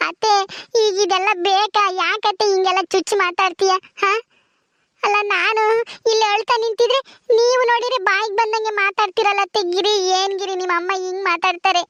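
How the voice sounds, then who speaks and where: A woman's voice: very high voice, flat delivery, fairly quick, a bit bright, no room sound. A woman playing a tearful jailed young wife. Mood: pleading. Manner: pleading, whiny. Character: young jailed daughter-in-law, tearful and pleading.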